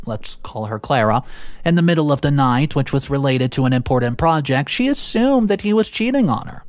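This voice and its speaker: A man's voice: on the high side, no echo. Man reading a story, dry close sound. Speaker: story narrator. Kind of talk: reading a Reddit story aloud.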